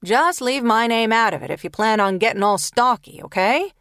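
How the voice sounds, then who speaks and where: A woman's voice: a little high, animated, moderate pace, a bit bright, dry recording, studio quality. A woman narrator voicing a chatty, teasing male friend in an audiobook. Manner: teasing, casual.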